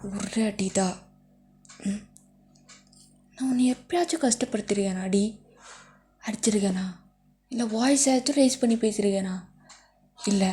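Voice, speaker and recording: A woman's voice: medium pitch, warm tone, lightly acted. A woman voicing a possessive, jealous young husband who pleads and threatens, in a fanfic story reading. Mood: menacing. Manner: intense, pleading then menacing.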